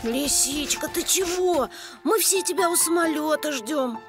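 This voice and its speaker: A woman's voice: high voice, measured pace. A woman voicing a kind, sensible young animal who is a loyal friend in a children's cartoon. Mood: concerned. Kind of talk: cartoon voice acting. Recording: music behind the voice.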